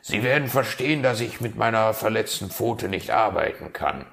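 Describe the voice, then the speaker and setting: A man voicing an excitable, fussy male fox in a storybook tale, speaking high and loud. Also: normal speed, gravelly. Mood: eager.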